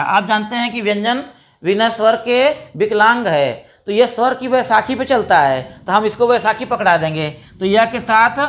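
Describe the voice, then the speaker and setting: Woman teacher, mid-pitched voice, patient explanatory delivery, asks and answers her own questions. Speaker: Sanskrit grammar teacher. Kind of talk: explanatory classroom lesson.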